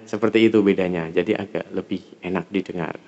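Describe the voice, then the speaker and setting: A man's voice: low-pitched, fairly even intonation, fast talker, creaky, a little mellow, dull audio. A man with an Indonesian accent giving a casual hands-on gear demonstration, informal and searching for his words. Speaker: product reviewer.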